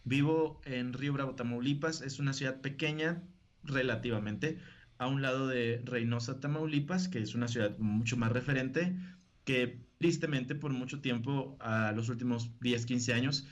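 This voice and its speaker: A man's voice: mid-range voice, normal speed. A man with a northern Mexican accent, a preacher talking casually as an interview guest and laughing often.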